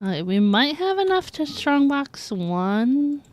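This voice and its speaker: A game streamer chats casually and giggly over gameplay during a livestream, with game music in the background. Her voice is high-pitched and very animated, yet she takes it slowly, and there's no echo.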